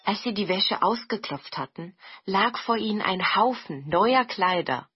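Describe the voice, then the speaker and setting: A woman narrating a storybook in a gentle, expressive reading style. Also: mid-range voice, a little slow, husky, highs cut off, faint music behind.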